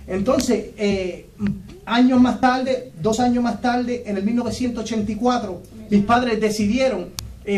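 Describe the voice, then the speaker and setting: A man's voice: sits high, distant mic, a little hiss or hum. A male evangelist, preaching a radio sermon as a personal testimony, fervent and storytelling, at times breaking into tongues. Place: radio station studio. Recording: echoey room, voice off-mic.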